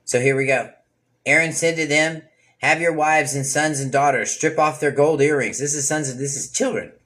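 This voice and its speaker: A man's voice: fairly high pitch, moderate pace. A man leading an informal Bible study sermon, talking straight to his listeners with asides and acting out what people say. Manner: casual, preachy, talks straight to listeners with asides; animated, acts out people's words in varied voices.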